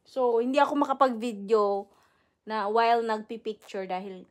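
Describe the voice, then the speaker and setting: In a casual home vlog, a young mother chats to her phone camera and coos baby talk to her infant. Her voice is fairly high and darkish, with fairly even intonation at a moderate pace, recorded indoors.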